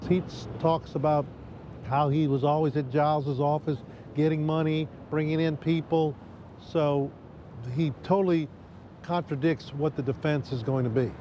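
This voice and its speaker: A man's voice: a little high, steady tone, normal speed, mellow, dull audio, a little hiss or hum. An American man giving interview commentary as a legal analyst.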